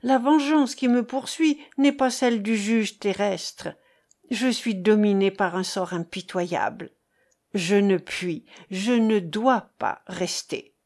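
Within a storybook narration, a woman voices an old male harper haunted by guilt, fearful and pleading. Her medium-pitched, slightly mellow voice moves slowly, full of anguished pleading.

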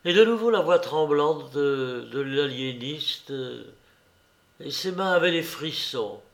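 A man narrating a story aloud in a slow, measured, storytelling manner. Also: a little high, lively intonation, gravelly. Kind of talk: audiobook narration.

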